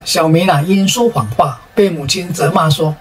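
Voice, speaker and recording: A woman with a Taiwanese Mandarin accent telling a string of jokes, stretching out her sentence particles in a lively way. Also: lowish voice, moderate pace, a little hiss or hum. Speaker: joke storyteller. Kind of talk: storytelling of jokes. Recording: roomy sound from a distant mic.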